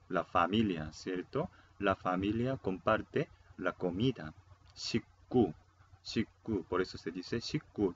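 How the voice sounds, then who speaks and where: Guy teaching a casual online lesson in spanish, super slow, repeats stuff, lo-fi sound with faint hiss. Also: on the low side. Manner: unhurried, explains step by step, repeats words, frequent "eh". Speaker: Korean language teacher. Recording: dull lo-fi sound, faint noise.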